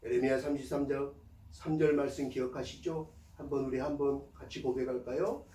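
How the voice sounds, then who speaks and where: A male pastor preaching a sermon with call-and-response, swelling loud on key lines and dropping soft again. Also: mid-range voice, steady tone, brisk, roomy sound, recorded from a distance, low-quality recording. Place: church sanctuary.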